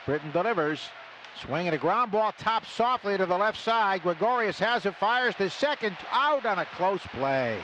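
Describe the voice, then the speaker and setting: Heard through a muffled radio feed, an American man announces live baseball play-by-play from a stadium broadcast booth. His high voice is animated and moves at a normal speed, with loud ballpark sound in the background.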